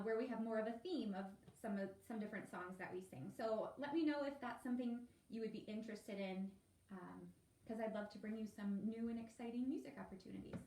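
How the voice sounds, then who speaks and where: A woman teaching an elementary music lesson over a home livestream, talking to young children in an encouraging, sing-song way. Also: on the high side. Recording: roomy, distant, faint background hiss.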